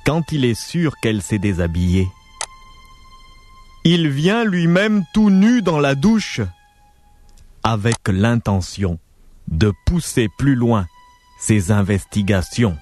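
A man narrating a radio drama in a measured storytelling manner, with faint music behind. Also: medium pitch, big pitch swings, a little mellow.

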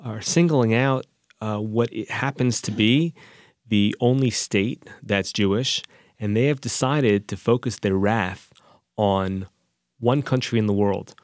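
A fairly deep male voice, recorded dry. The man is a rabbi giving unscripted answers in a deliberate way, leaning on repetition for emphasis. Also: dry recording. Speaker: rabbi, interview guest. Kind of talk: unscripted discussion.

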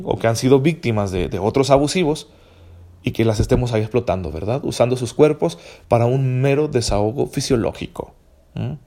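Priest, warm dark tone, fervent daily sermon delivery. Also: male voice, mid-range voice. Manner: impassioned, exhorting, with frequent rhetorical "¿sí?".

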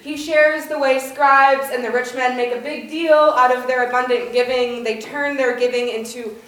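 A woman pastor delivers a prepared sermon inside a church, her high, fairly bright voice level in tone and at normal speed. The recording is very echoey, with the reverberation of the sanctuary.

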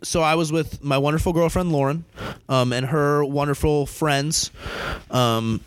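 A man's voice: on the high side, fairly even intonation, measured pace, slight background noise. A young man hosting a podcast in rambling, profane, laid-back casual chat. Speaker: podcast host.

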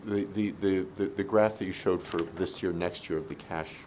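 A man speaking as a board member in a meeting, thinking aloud and haltingly as he questions a presenter. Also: steady tone, a little mellow, low-quality recording. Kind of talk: meeting discussion. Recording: low background noise in a meeting.

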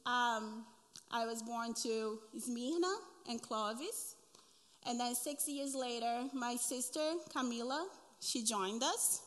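At a church women's breakfast, a woman in her thirties with a Brazilian Portuguese accent gives an earnest personal testimony, often pausing on "um" and restarting. Her voice is fairly high, slow, and a bit bright, and the hall adds a long reverb.

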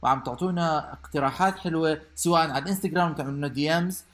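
A man's voice: on the high side, rapid-fire, a bit bright. A man with a Levantine Arabic accent co-hosting a podcast, chatting casually in a joking, playful way. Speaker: podcast co-host. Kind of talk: casual bantering chat.

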